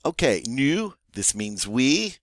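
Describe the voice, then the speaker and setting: A man teaching a French grammar lesson, patiently repeating and modelling each French form slowly. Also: mid-range voice, sing-song, dry recording, studio quality.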